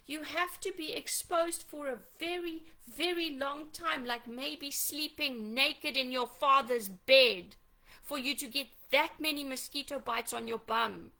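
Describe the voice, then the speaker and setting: A woman's voice: sits high, vocal fry, pushed and bright. A woman making an impassioned, accusatory appeal as a mother, firing off pleading questions. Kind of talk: impassioned direct-to-camera appeal.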